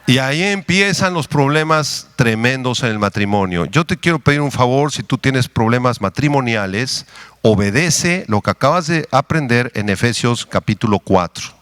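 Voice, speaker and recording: A man from Mexico preaching a sermon as pastor, leading the congregation in prayer and Bible reading with slow, deliberate emphasis. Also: mid-range voice, lively intonation, a bit bright, clean tone, no room sound. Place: church.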